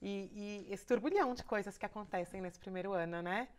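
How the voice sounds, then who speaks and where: A Brazilian-accented woman hosts an interview, speaking at a medium pitch. She steers the conversation in a friendly, affirming way. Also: brisk. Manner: friendly, affirming, guides the talk. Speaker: show host. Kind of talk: hosting an interview.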